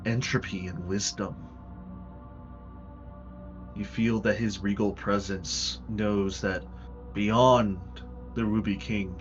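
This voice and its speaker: Slow, low-voiced man narrating fantasy. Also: highs cut off. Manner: measured, portentous, with dramatic pauses. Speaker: game master. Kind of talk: dramatic tabletop game narration.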